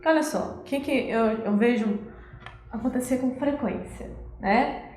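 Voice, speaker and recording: A woman's voice: a little high, unhurried, a little mellow, echoey room. A woman educator giving a live talk on parenting, explaining patiently and acting out scolding parents.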